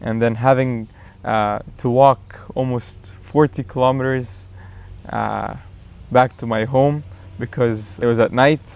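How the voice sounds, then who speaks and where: A man's voice: medium pitch, a little slow, creaky, clean tone. Easygoing man telling a travel story. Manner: relaxed, rambling storyteller with fillers. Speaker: guest. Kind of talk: casual storytelling chat. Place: backyard.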